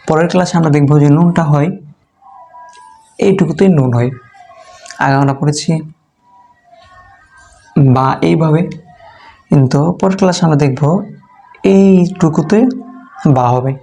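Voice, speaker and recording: A man's voice: a little high, dark tone. A man teaching a beginner's Quran reading class online, patiently repeating letter sounds and answering his own questions.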